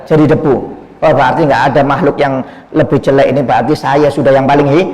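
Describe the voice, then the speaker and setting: A man's voice: mid-range voice, fairly even intonation, fairly quick, a little mellow. A man preaching in a storytelling way, often breaking off words and restarting them. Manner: repetitive, cuts off and restarts words, addresses listeners as "Pak". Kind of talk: sermon storytelling. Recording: echoey hall.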